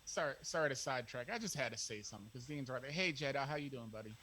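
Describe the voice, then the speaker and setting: Brief: male guest streamer, playful and self-mocking, lively, swooping delivery. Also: mid-range voice, very fast, a little hiss or hum, poor audio. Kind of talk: casual live-stream banter.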